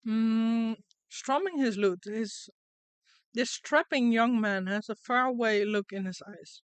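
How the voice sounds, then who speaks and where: A woman's voice: fairly high pitch, slow pace, clean tone, no room sound. A woman streamer giving casual game commentary and reading story narration aloud with dramatic flair.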